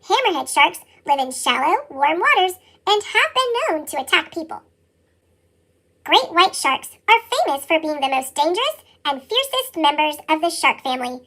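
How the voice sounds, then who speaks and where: A storybook reader reading a nonfiction picture book aloud, with the voice sped up into a chipmunk effect and a steady, even delivery. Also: sits high, moderate pace.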